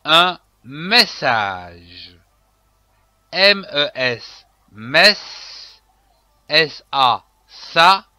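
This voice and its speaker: A man leads a children's phonics lesson at a very slow, deliberate pace, spelling each letter before blending it into a syllable. His voice is bright and sharp, and it rises and falls in lively swoops. The sound is dry and close. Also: fairly high pitch, no room sound. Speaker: reading teacher.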